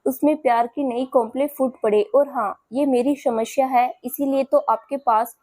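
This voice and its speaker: A woman voicing a persistent young man in love who talks softly and gently to coax her in a storybook. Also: sits high, steady tone, normal speed, no room sound. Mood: tender. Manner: soft, gentle and coaxing.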